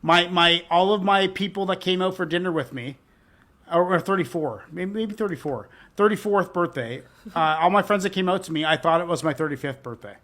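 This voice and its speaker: A man's voice: high voice, a little fast, fairly bright tone. A man near forty hosting a casual reaction show, enthusiastic, swearing freely and tripping over his words. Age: 30s. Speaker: host.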